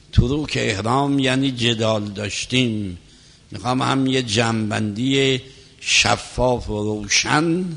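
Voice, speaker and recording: Gravelly-voiced cleric lecturing in a hall. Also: male voice, mid-range voice. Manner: measured, explanatory lecturing, recites scripture softly. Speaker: cleric teaching religious law. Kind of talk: religious lecture with prayer. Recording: long hall reverb.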